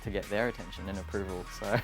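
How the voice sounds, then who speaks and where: A man's voice: sits low, steady tone, fast talker, soft background music. Upbeat Australian man vlogging. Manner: friendly, upbeat, chuckles often. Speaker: design speaker and vlogger. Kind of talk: casual vlog chat and motivational school talk.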